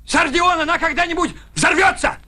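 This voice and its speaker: An actor playing a jittery villager in a comedy film, shouting panicky warnings. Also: male voice, very high-pitched, moderate pace, heavily acted. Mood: pleading. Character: jittery villager man afraid of explosion.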